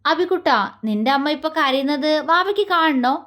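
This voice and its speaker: A woman's voice: high voice, brisk, sharp tone. A woman voicing a teasing young man. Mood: playful. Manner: playful baby talk turning to scornful taunts. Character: teasing, mocking young man, a doctor and father.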